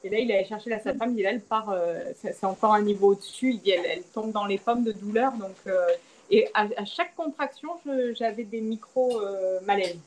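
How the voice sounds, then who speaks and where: A young woman, a podcast guest, candidly recounting a personal story and acting out the quoted dialogue with lively swings in her voice. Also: fairly quick, poor audio. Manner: animated, acts out quoted dialogue with big pitch swings. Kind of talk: candid storytelling about childbirth.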